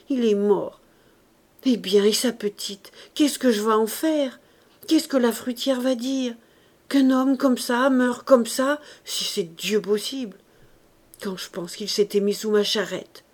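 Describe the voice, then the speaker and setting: A woman reading the part of an old rustic gardener, frantic and despairing, talking loudly to himself in old country speech. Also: mid-range voice. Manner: loud agitated monologue in old rustic speech.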